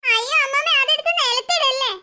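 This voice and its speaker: A scheming little girl whines and pleads, voiced by a cartoon voice actor. Her voice is very high and bright, and her lines tumble out fast. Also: heavily acted. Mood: sulky. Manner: whiny, then shrieking in panic. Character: mischievous little girl, scheming and easily scared. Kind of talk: cartoon voice acting.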